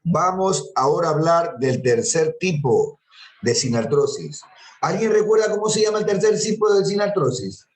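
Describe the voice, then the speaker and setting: A man's voice: fairly high pitch, sing-song, moderate pace, a little mellow, reverberant, poor audio. A man teaching an anatomy class, patiently repeating terms and quizzing his students. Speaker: anatomy lecturer. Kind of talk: classroom lecture.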